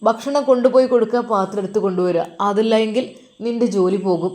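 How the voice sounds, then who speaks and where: A woman's voice: medium pitch, quick pace, a little mellow, natural voice. A woman voicing a grieving middle-aged housemaid who tearfully scolds her employer in a told story. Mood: tearful reproach. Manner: tearful, reproachful pleading.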